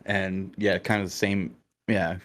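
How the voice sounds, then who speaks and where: A man, a game developer, chatting casually on a live stream in a measured way, thinking aloud with many fillers. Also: low voice, level tone, a bit bright.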